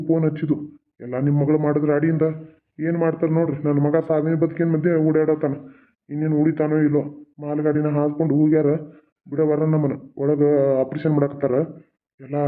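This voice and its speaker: Brief: man, slightly high voice, fast and accusing, tinny phone-like sound. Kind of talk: dialect cartoon voice acting.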